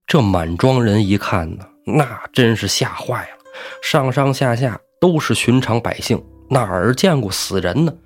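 A man hosting a storytelling show, narrating in a lively, colloquial way with asides to the listener. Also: mid-range voice, a little slow, faint music behind. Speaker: storyteller host.

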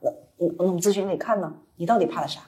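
Lady psychologist talking fast and casual at a book club, loose and colloquial. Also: on the low side, dark tone. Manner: chatty, colloquial, acts out clients' voices. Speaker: psychologist and counselor, guest speaker. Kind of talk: live book-club talk.

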